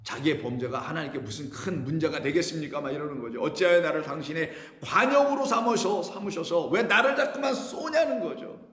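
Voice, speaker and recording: A man preaching a sermon in a fairly high voice, earnest and drawn out on the phrases he stresses. His voice rings through a big church room with a long, lingering reverb. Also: expressive, fairly bright tone. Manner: earnest preaching, rising and slowing on key phrases. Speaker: pastor. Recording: echoey church hall.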